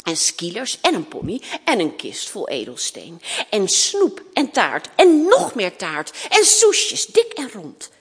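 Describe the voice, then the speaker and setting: A woman's voice: medium pitch, huge pitch swings, slow, breathy edge, voice pushed down, full character voice. A woman voicing a spoiled, demanding young princess in a storybook reading, whiny and insistent. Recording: long hall reverb.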